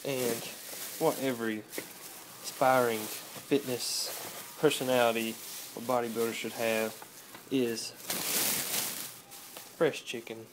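In a room at home, a nineteen-year-old fitness vlogger takes it slowly, talking into a phone camera up close in a laid-back, rambling style packed with "uh"s. His mid-range voice barely moves in pitch, and background noise runs underneath.

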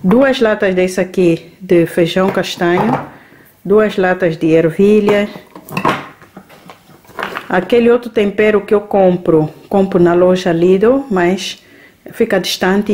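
Slow-talking woman showing her groceries. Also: medium pitch, noisy background. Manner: unhurried, listing items with frequent "tá?" and "né?" tags. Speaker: vlogger. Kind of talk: grocery haul vlog. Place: home kitchen, indoors.

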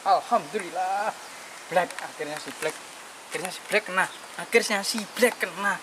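A man chatting excitedly beside a river, repeating his exclamations. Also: high-pitched, moderate pace. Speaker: fishing companion. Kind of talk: casual chat. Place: riverbank outdoors. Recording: outdoor noise, insects.

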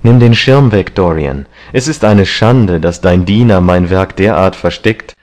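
A man's voice: sits low, measured pace, darkish tone. Man voicing an earnest devoted painter. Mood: insistent. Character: devoted middle-aged painter, gentle and earnest. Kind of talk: audiobook character reading.

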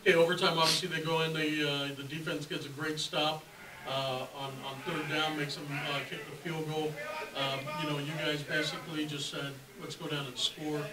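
A man, a sports reporter, putting halting questions at a press conference, full of hesitant fillers. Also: fairly high pitch, level tone, far from the mic, crowd noise. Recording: noisy and roomy, from off-mic.

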